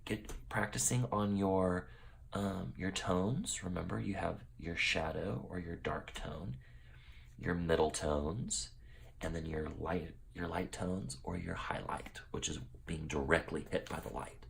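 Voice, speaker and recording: A man with a very low voice and a gravelly, creaky edge teaches a drawing lesson. He talks his way through each step as he works, checking in with listeners as he goes and sinking into quiet murmurs while he focuses. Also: measured pace, a little hiss or hum. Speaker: art teacher.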